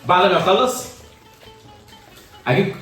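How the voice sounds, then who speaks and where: Brief: young Egyptian male host, loud and half-shouting, slightly high voice, recorded from afar in a very echoey room. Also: expressive, moderate pace. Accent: Egyptian Arabic. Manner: talks loudly, half-shouting instructions. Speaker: YouTuber host. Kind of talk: casual challenge video banter. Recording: echoey room, far from mic, music behind.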